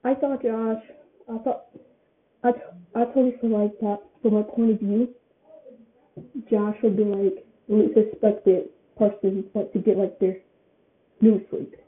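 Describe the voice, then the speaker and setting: A woman's voice: medium pitch, little pitch movement, a little slow, pauses often. An eighteen-year-old woman giving her opinion in a casual vlog, rambling and often repeating her phrases. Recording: tinny phone-like sound.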